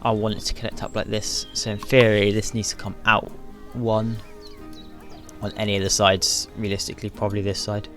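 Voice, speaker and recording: A man's voice: lowish voice, flat delivery, normal speed, fairly bright tone, faint music behind. A sleepy, yawning man rambling to himself with lots of fillers as he builds in a game. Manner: rambling, self-talking, frequent fillers. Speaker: gaming video creator. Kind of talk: casual commentary while building in a game.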